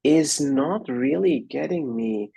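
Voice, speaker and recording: A man from Austria, a guest on an interview show, telling his story in an earnest, measured and searching way. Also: mid-range voice, animated, vocal fry, warm tone, husky, no room sound, low-quality recording.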